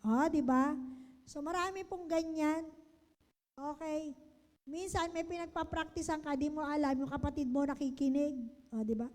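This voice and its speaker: A woman with a Filipino accent, lecturing a seminar on business approaches, lively and always checking in with the audience. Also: sits high, moderate pace, long pauses. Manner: lively, keeps asking the audience "di ba?" and "okay?". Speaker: business trainer. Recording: long hall reverb.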